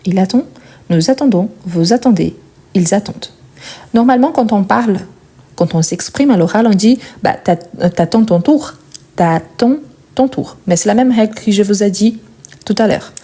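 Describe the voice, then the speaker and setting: Mellow-voiced woman teaching French. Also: medium pitch. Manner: repeats each verb form slowly and clearly; checks in with "ok?" and "bien". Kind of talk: explaining conjugation.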